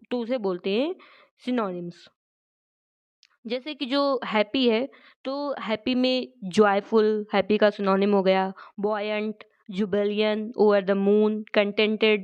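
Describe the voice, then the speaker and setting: Smooth-voiced woman teaching vocabulary. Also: medium pitch, dull audio. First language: Hindi. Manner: slow deliberate reading of English definitions. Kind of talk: explanatory lesson.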